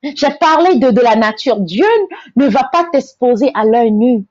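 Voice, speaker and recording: A woman speaks slowly and earnestly in a faith-based inspirational talk. Her voice sits fairly high and she often stumbles over repeated words. The recording is dry and slightly dull, like lo-fi audio. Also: animated, darkish tone, no echo. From Togo. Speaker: host, motivational speaker.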